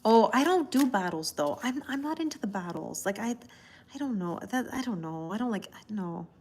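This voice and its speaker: Her medium-pitched voice is expressive and brisk, a little mellow and slightly rough. She's a Canadian tarot reader hosting a casual livestream, wandering through easygoing asides. Laughter comes often, and she calls out viewers by name as their comments come in.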